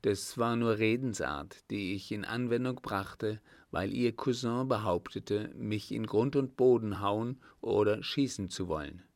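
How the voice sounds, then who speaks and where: Proud young lieutenant, man reading, low gravelly voice, slow and courteous. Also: dry recording. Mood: earnest.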